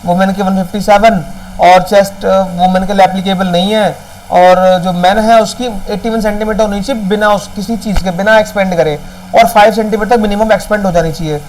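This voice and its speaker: A man's voice: sits high, steady tone, brisk, darkish tone, a little hiss or hum, low-quality recording. A man coaching exam candidates in a casual step-by-step tutorial, often checking in with the viewer. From India. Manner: talks directly to viewers, explains step by step, checks in with "ठीक है?".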